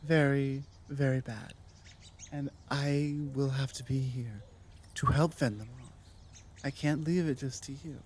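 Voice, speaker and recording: Playing the proud old dragon scholar haunted by guilt in an ASMR drama, a woman uses an extremely low pitch with fairly even intonation and a slightly mellow quality, plus a little hiss or hum. She sounds grave and intent, commanding and deliberate, with halting dramatic pauses.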